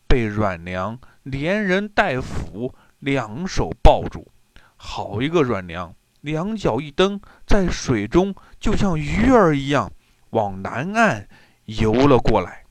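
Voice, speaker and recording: A man telling a traditional tale to children in an expressive, drawn-out storytelling manner. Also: medium pitch, dry recording.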